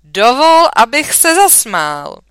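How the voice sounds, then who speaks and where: A woman reading aloud, voicing a scrappy schoolboy who talks in a shrill, indignant way. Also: sing-song, fairly bright tone, clear, resonant tone, no room sound. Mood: mocking. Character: scrappy schoolboy itching for a fight.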